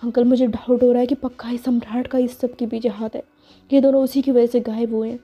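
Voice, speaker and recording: A woman voicing an anxious young woman who stammers and rushes her words, on a dull lo-fi recording. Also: on the high side, level tone, husky.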